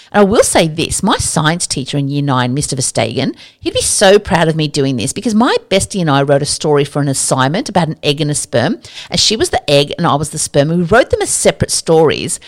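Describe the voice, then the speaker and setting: A woman hosts a casual science podcast with a slightly low voice. She explains topics with chatty enthusiasm and often drifts into personal asides. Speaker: podcast host.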